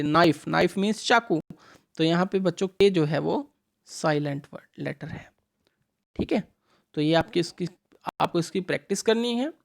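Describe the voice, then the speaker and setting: Patient woman teaching English to children. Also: fairly low pitch. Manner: patient, questions the class and answers herself; reads English sentences out slowly. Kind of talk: revision lesson for schoolchildren.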